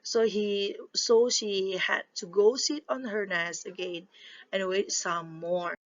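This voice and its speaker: Young woman reading a story to a class; slow, halting, fillers throughout, muffled recording. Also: mid-range voice, steady tone. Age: young adult. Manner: hesitant, many fillers and restarts. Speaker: presenter telling a story to a class.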